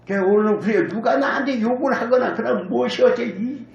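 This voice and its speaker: Speaking fast in an extremely high, creaky voice, a male pastor preaches in a church sanctuary, and the recording is muffled and echoey. He narrates the story vividly, acts out quotes and invites the congregation to answer back.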